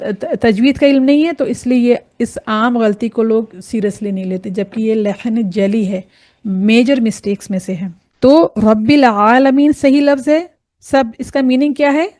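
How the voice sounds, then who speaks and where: A woman teaching correct recitation, patiently repeating and contrasting example words slowly. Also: a little high, dark tone. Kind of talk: explaining pronunciation rules with examples.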